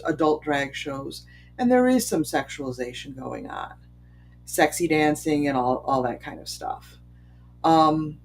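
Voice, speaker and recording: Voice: medium pitch, slight background noise. A speaker giving unscripted commentary, talking conversationally, asking many rhetorical questions and often saying um or restarting phrases. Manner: frequent ums and restarted phrases. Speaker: commentator on bias. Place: Chicago area.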